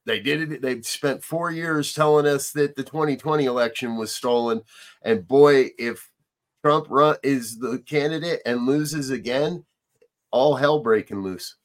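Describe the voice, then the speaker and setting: A man's voice: medium pitch, a little slow. A man hosting a casual talk show with a fellow minister, speaking earnestly and chuckling between points. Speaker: host. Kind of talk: casual chat on current events.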